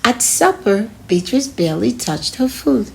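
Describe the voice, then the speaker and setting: A woman reading a children's story aloud in an expressive way, speaking to her young listeners as a host. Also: on the high side, a little slow, gravelly, soft background music. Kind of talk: storybook read-aloud narration.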